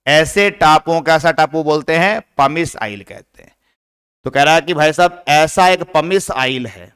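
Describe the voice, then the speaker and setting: Man explaining a poem, smooth clear voice. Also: on the high side, animated, a little slow, a bit bright. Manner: explanatory, asks questions and answers them himself. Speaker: English literature teacher.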